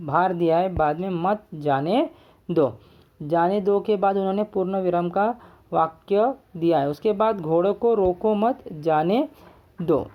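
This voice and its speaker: In this classroom grammar lesson, a man with a high, slightly mellow voice patiently teaches Hindi step by step. He keeps checking in with his students and repeats points using "ठीक है."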